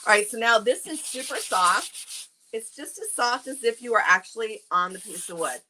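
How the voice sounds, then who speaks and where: Middle-aged woman, New England accent, bright and chatty, a crafts instructor talking viewers through a live demo; faint sanding under her voice. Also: fairly high pitch, animated, moderate pace, slight background noise, low-quality recording. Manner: chatty, reads viewer comments aloud. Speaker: furniture painting instructor.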